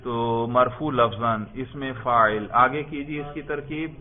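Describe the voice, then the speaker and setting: A man's voice: medium pitch, steady tone. A man teaching an Arabic grammar lesson who keeps asking his students questions and has them repeat the forms. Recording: tinny phone-like recording.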